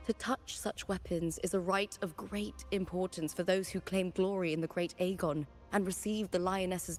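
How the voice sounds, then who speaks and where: A woman's voice: fairly low pitch, close to an everyday voice. A woman playing a proud young warrior of a fantasy realm in a video game.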